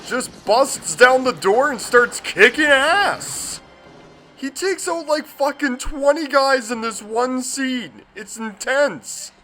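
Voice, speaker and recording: Excitable high-voiced man reviewing a movie. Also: slow, faint music behind. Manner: profane, excitable and gushing.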